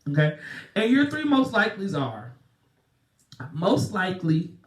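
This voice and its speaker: A man's voice: sits high, sing-song, a little slow, fairly bright tone. A young man hosting a casual podcast chat, joking around and laughing often. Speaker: podcast host. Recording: roomy echo, mic at a distance.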